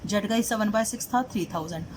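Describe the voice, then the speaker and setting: A woman's voice: mid-range voice, quick pace, background noise. A woman teaching accounting. She explains a solved problem step by step, often asks her students questions and mixes English terms into her Hindi. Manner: asks students questions and repeats "did you understand?".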